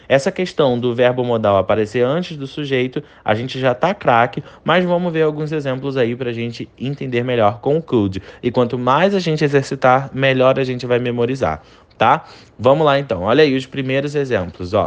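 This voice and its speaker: A man teaching an online English lesson, patiently repeating example sentences slowly and checking in with tag questions. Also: mid-range voice. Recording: slightly dull lo-fi audio.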